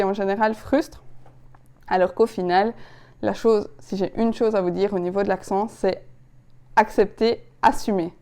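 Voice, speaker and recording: Brief: young woman coach, Belgian Ardennes accent, mellow smooth voice, punchy emphatic delivery. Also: medium pitch. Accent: Belgian French, Ardennes. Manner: energetic, emphatic, repeats words when stressing a point. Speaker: public speaking coach. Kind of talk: direct-to-camera coaching video.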